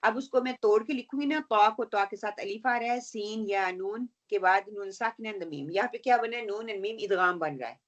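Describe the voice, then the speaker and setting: A woman teaching Quran recitation rules in an online lesson, explaining patiently, checking in with her students, and slowly reciting example verses. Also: medium pitch, highs cut off. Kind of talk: online tajweed lesson, mixing Urdu and English.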